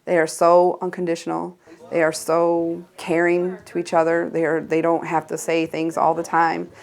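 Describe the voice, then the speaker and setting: A woman interviewed for a news feature, speaking in a tender, deliberate way. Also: fairly low pitch, completely flat delivery, vocal fry, darkish tone.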